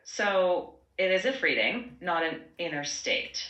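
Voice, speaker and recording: A woman's AI assistant voice, low-pitched yet bright and forward. It answers in measured, concise, reflective phrases. The playback rings with clear room echo. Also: expressive. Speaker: AI chatbot voice assistant. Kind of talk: conversational assistant replies.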